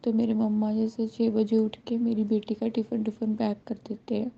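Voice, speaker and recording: A woman's voice: a little high, monotone, normal speed, vocal fry, husky. A woman in her thirties giving an earnest, heartfelt devotional testimony to a congregation. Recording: dull lo-fi recording.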